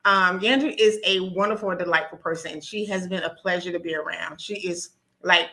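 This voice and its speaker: A woman's voice: fairly low pitch, a little fast, bright, forceful tone. A woman nurse practitioner hosting a live stream, nervous and talkative, with frequent ums and restarts.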